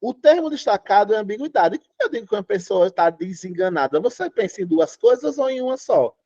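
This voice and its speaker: A man's voice: high voice, sing-song, a little fast, warm tone, no echo. A Brazilian man teaching Portuguese in an online exam-prep class, emphatic and often checking that students follow. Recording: dull, lo-fi online class audio.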